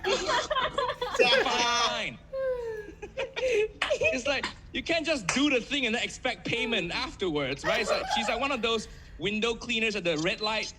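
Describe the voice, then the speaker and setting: A young man from Malaysia with a Malaysian English accent, doing a stand-up comedy set over a video call, telling stories deadpan and laughing at his own jokes. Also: extremely high pitch, a little slow, long pauses, a loud crowd, rough recording.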